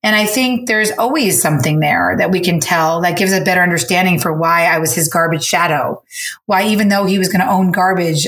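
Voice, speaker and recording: Brief: woman host, casual chat, expressive storyteller, roomy echo. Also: fairly low pitch. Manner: animated, storytelling, rapid shifts in pace.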